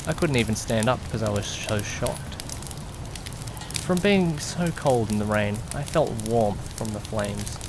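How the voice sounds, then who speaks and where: A man plays a panicky young man telling his own misadventure in a first-person audio drama with acted dialogue, anxious, alarmed and questioning himself dramatically. His voice is lowish and lightly acted, a little slow, against a noisy background.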